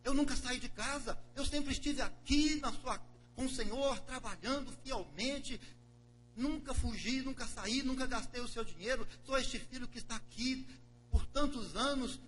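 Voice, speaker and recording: A man's voice: very high voice, lively intonation, fairly quick, fairly bright tone, a little hiss or hum, voice pushed up. A man voicing a resentful older brother who complains and protests indignantly.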